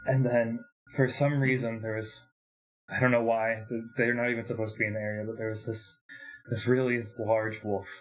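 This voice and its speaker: A man voicing a grieving male rat-folk skeleton ranger who speaks in a shaky, tearful, halting way. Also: mid-range voice, little pitch movement, lightly acted, rough recording. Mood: shaky grief.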